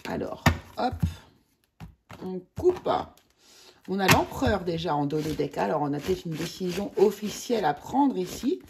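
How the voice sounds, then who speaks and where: A woman from France giving a casual monthly tarot reading, chatty, with many hesitations and excited exclamations over the cards. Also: fairly low pitch, moderate pace, gravelly, background noise. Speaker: tarot reader.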